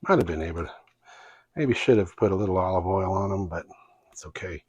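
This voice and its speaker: A man's voice: low-pitched, fairly quick, a little mellow, slightly rough, highs cut off. A man with a Midwestern accent casually showing how he cooks in his home kitchen, talking in a folksy, hesitant way with lots of fillers. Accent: Midwestern American. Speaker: cooking channel host. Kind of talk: casual cooking demonstration.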